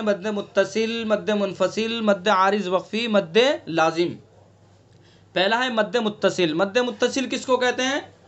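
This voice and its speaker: A man with a Delhi Urdu accent teaches Quran recitation over an online class call, patiently explaining, quizzing students, and stretching out sounds to demonstrate. His voice is high-pitched with a fairly bright tone.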